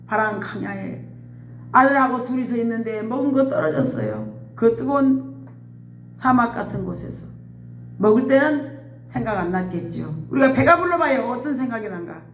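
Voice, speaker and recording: A woman's voice: on the high side, roomy sound, slight background noise. A woman preaching a sermon with passion, repeating her phrases and crying out pleas. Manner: impassioned, repeats phrases, cries out quoted pleas.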